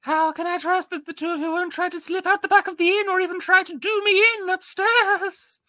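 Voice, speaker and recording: A Christmas elf voice, extremely high and squeaky, with a bright, sharp edge. The character is a cheeky, sly young adventurer from a storybook, played in comic falsetto. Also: male voice, level tone, brisk. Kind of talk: character voice in a read-aloud gamebook.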